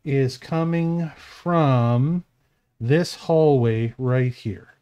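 A man's voice: mid-range voice, extremely slow, warm tone, clear, resonant tone, highs cut off. A man running a tabletop game as game master, talking in a casual, rambling way with fillers.

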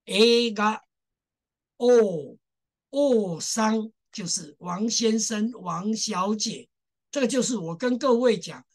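A woman teacher speaks slowly and patiently to her class, with a voice of middle pitch. She drills the sounds over and over and leans on the exceptions so that students take note. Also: expressive, darkish tone, husky. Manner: addresses class directly, stresses exceptions. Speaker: Japanese language teacher. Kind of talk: classroom lesson.

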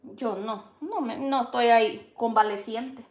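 A woman's voice: on the high side, fairly even intonation, unhurried, darkish tone. Chatty Salvadoran woman cooking. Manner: chatty, teasing, calls out dishes like a street vendor. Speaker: cooking show host. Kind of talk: casual cooking chat. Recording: echoey kitchen with clattering dishes.

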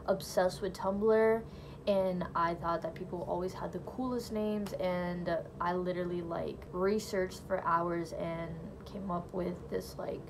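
A young woman from a Brazilian family, Portuguese her first language, shares her faith testimony to camera from a small bedroom, a phone or camera close in front of her. Her fairly low voice stays steady at a measured pace over background noise, chatty, sprinkled with "like" and "you know," with light laughs.

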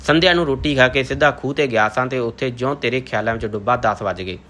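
Man doing tender lovesick young man, hesitant, bright voice, storybook reading. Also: mid-range voice, fast, natural voice.

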